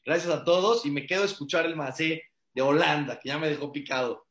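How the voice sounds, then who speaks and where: Rabbi guy preaching earnest, pretty high voice, echoey room. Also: brisk, a bit bright. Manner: earnest, preachy, acts out quoted pleas. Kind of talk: sermon-like talk on an online panel.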